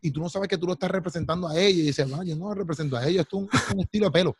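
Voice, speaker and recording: A young man with a Puerto Rican accent, telling animated stories in a casual chat and calling his friends "loco" and "papi". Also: a little high, very fast, slightly rough, dry recording, studio quality. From Puerto Rico. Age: young adult.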